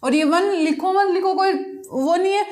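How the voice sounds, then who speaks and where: A woman's voice: extremely high pitch, normal speed, darkish tone. A woman maths teacher, teaching a class at the board. She keeps asking the class questions and answering them herself. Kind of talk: classroom lesson explaining problems.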